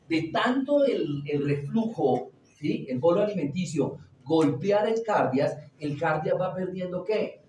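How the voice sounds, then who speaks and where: A man's voice: fairly high pitch, a little mellow, slight background noise. Man lecturing in an echoey classroom. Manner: asks the class questions and answers them himself. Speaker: teacher. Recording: roomy echo, distant from the mic.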